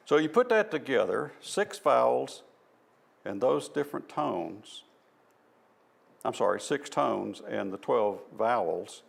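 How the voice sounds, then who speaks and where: A man with a Southern US accent talks a church group through a topic in an informal, folksy way. His voice sits low and carries a heavy gravelly fry, and he explains step by step with a self-deprecating touch. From American South. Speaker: presenter at a church. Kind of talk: informal presentation on language. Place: church hall.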